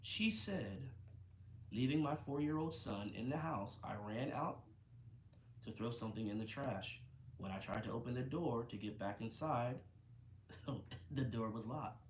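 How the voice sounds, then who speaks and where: A man's voice: mid-range voice, expressive, measured pace, a little hiss or hum. Man reading aloud, stumbling, in a roomy space. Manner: stumbling, self-correcting reader. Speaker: host reading a book aloud. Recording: roomy echo, faint ambience.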